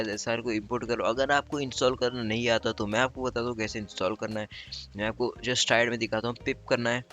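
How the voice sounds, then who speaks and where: A man's voice: medium pitch, sharp tone. A young Indian man hosting a casual coding tutorial, chatty and repetitive, often correcting himself as he works on screen. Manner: chatty, repeats itself often, self-correcting.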